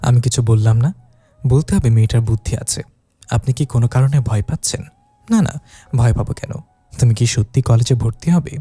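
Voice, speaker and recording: Dark-voiced man narrating a romance story. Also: slightly rough, dry recording. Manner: first-person storytelling, lifting his pitch for the young wife's lines.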